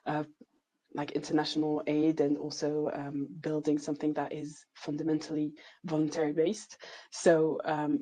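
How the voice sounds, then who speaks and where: A woman host with a very low voice, leading an interview with friendly, short questions. She keeps it conversational and invites her guest to talk. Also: darkish tone, poor audio. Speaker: podcast host.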